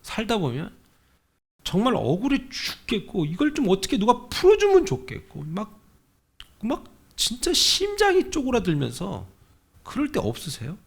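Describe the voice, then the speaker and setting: A man's voice: high-pitched, wildly swooping pitch, moderate pace, creaky, slightly rough. A male senior pastor preaching a sermon in a conversational way, often asking the congregation questions and acting out the voices he quotes. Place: church sanctuary.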